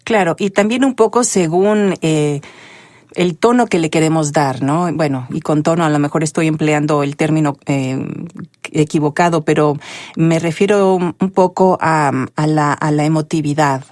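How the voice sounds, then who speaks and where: A woman hosting an interview, talking thoughtfully and pausing to search for the right words. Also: low-pitched, steady tone, darkish tone, no echo, clean studio sound. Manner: thoughtful, searching for words, frequent tag questions. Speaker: podcast host. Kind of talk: interview conversation.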